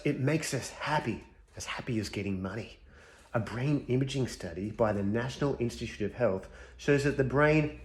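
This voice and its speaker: A man's voice: mid-range voice, lightly acted. A man playing a scruffy, cocky expert on compassion who confidently lectures through a list of studies in a comedic school chapel sketch. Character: scruffy bearded male compassion specialist, cocky.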